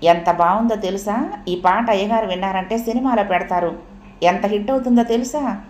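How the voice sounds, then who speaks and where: A woman's voice: mid-range voice, normal speed, echoey room, slight background noise, natural voice. A woman voicing a cheerful, affectionate young wife. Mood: eager. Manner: bright and eager.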